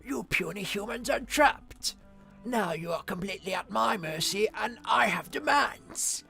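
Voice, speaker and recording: A woman's voice: medium pitch, lively intonation, measured pace, gravelly, bright, forceful tone, faint music behind, pitched above the performer's own voice, exaggerated voice. A woman voicing a grumpy, pompous old male dragon, small and indignant, for a video game. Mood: haughty, demanding. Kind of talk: video game character voice-over read aloud.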